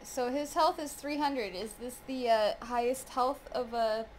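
A woman's voice: fairly high pitch, measured pace, a little hiss or hum. A woman in casual gaming chat, co-hosting with her child and asking simple, curious questions. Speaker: co-host playing alongside her child.

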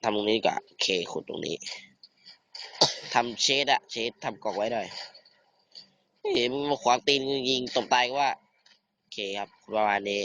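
A teenage man giving casual, excitable commentary over a survival game, swearing and bantering with a friend. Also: fairly low pitch. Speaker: gamer.

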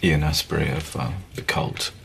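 A very deep-voiced, gravelly seller who halts and stumbles through every sentence. He is an awkward, middle-aged type in a comedy drama, and the recording carries a steady background hiss. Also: heavily acted. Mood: halting. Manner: hesitant, halting, full of ums. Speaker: seller of music memorabilia.

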